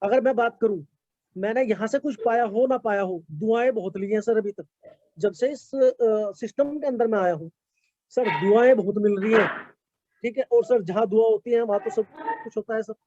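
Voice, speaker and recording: A man's voice: high-pitched, moderate pace, warm tone, no echo. A man giving product testimonials in an online meeting, talking politely with many fillers and frequent "sir". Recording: dull lo-fi call audio.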